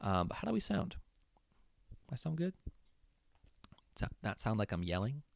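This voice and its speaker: A young man hosting a livestream in casual chat, talking loudly and animatedly to his viewers, his voice worn. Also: fairly low pitch, normal speed, vocal fry, a little hiss or hum. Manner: loud, animated, talks to chat. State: voice giving out. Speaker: livestream host.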